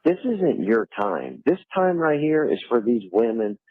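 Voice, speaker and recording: A middle-aged man talking to his son on a prison phone call, halting and full of "you know". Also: medium pitch, wildly swooping pitch, no room sound. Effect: prison phone call line. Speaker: father on a jail call. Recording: tinny phone line, dry.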